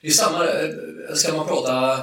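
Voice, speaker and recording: A man's voice: fairly high pitch, fairly even intonation, fairly bright tone, recorded from a distance. A man chatting casually, often hesitating with filler sounds and restarting his sentences. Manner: hesitant, fills pauses with "eh" and restarts. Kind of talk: casual chat. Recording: very echoey room, away from the mic.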